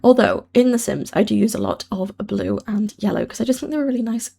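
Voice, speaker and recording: A woman's voice: medium pitch, expressive, fast, creaky, mellow. A young adult British woman giving casual, chatty, rambling voice-over commentary as a channel host, often correcting herself, with a whistle on her S sounds. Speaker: host of a gaming build channel.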